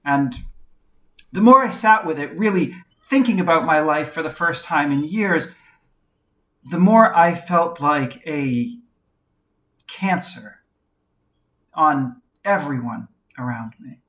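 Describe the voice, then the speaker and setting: Woman, reflective first-person narration, quiet and measured, candid, pauses often. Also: deep voice, expressive. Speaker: video essayist.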